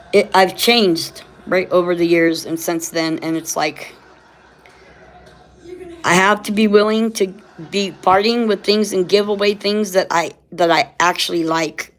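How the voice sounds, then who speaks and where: A woman chatting casually in a rambling way, often checking for agreement, with slightly slurred sibilants from missing teeth. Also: on the low side. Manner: often ends phrases seeking agreement with "right". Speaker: vlogger.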